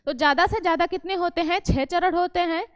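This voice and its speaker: High-voiced woman teacher drilling a class. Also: fairly quick, no echo. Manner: repeats each point and asks the class questions back; self-correcting, explains patiently. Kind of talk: classroom lesson on Hindi poetry meter.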